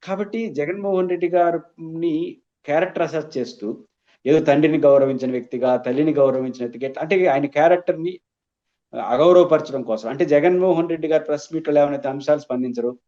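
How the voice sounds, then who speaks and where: A man's voice: fairly high pitch, fast talker, dark tone, lo-fi sound. A man, a political analyst, giving emphatic and argumentative commentary as a guest in an interview.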